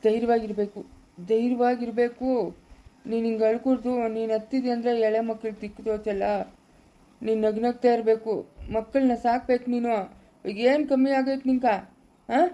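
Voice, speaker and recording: A woman's voice: on the high side, flat delivery, fairly quick, long pauses, warm tone, highs cut off, close to an everyday voice. A woman acting as a reassuring parent who consoles a crying daughter in a family skit. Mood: soothing. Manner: soothing, reassuring.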